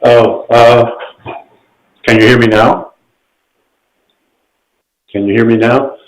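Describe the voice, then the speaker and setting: A man on a video call, talking haltingly with many fillers while his audio breaks up and drops out. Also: mid-range voice, steady tone, reverberant, rough recording. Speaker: board member on a video call. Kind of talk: remote meeting report.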